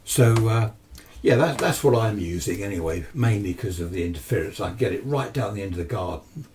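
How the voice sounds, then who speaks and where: A brisk, animated British man with a lowish, slightly mellow voice chats about his amateur radio pastime. The talk is spontaneous and wandering yet matter-of-fact. He's indoors in his home radio shack, and the far-placed mic captures a noisy room.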